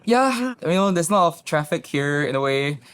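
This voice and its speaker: A young man from Indonesia, a guest chatting casually in an interview, relaxed and full of fillers like "you know" and "like". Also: fairly high pitch, moderate pace, smooth, no echo. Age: young adult.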